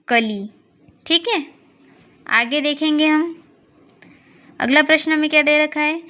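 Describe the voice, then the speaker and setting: Woman teacher, high voice, slow patient classroom walkthrough, dull lo-fi sound. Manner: slow, patient, asks and answers her own questions. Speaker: school teacher. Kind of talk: recorded class lesson.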